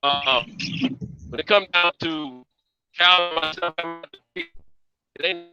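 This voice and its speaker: Guy on a choppy call that keeps dropping out, very bright tone, muffled lo-fi line. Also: on the high side, soft background music. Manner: halting, many fillers and restarts. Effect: choppy call audio cutting in and out. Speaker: co-host calling in. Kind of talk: casual sports chat.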